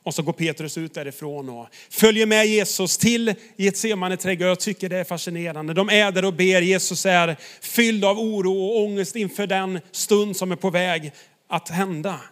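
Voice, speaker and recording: A man preaching a sermon, retelling a story with emphasis and turning to the listeners directly. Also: high-pitched.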